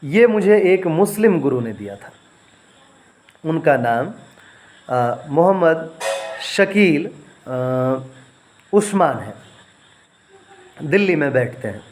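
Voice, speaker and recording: A man teaching home remedies, dictating ingredient lists slowly and repeating and spelling out words for listeners to write down. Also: fairly high pitch, big pitch swings, a little mellow, a little hiss or hum. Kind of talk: instructional home-remedy talk.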